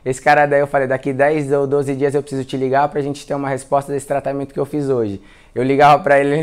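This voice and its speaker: A man's voice: mid-range voice, smooth. A man with a Brazilian Portuguese accent, a physiotherapist giving a casual live class, telling patient stories and acting out the dialogue. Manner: animated storyteller, acts out dialogue, repeats words. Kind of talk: casual spoken lesson with case stories.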